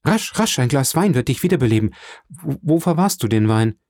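Guy doing an excited young sailor, higher pitched, a bit dark and mellow, dry recording. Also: normal speed, no room sound. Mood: eager. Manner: excited, pleading, raised voice. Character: eager young male sailor, earnest and devoted. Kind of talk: audiobook character voice.

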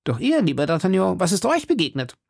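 A man's voice: high-pitched, wildly swooping pitch, fast, gravelly, breathy edge, no room sound, clean studio sound, voice pushed up, full character voice. A man voicing a hearty, boastful musketeer in an audiobook reading, with a swaggering manner. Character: boastful, hearty male musketeer, bedridden, jovial.

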